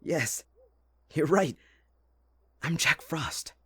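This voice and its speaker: A man playing Jack Frost, a playful, possessive young winter spirit, with a husky voice in a dramatic, intimate ASMR roleplay. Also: on the high side, expressive, very slow, pushed and bright, no room sound, full character voice. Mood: amazed, excited. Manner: teasing, dramatic, addressing the listener closely.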